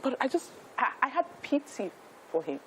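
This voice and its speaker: A woman's voice: sits high, very animated, normal speed, slight background noise, low-quality recording. A Nigerian woman in her fifties, a talk show guest telling her life story in an earnest, emphatic way, with frequent restarts. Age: 50s.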